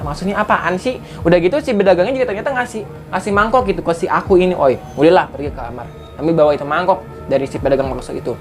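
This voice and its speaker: A woman reading short horror stories aloud and chatting about each one, full of exclamations and laughter. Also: mid-range voice. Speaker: horror story YouTuber.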